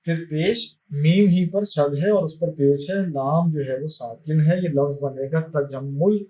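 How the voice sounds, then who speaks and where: A male teacher giving a lesson, spelling out vowel marks in a slow, careful dictation. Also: fairly high pitch, dark tone. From Pakistan. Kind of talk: classroom lesson.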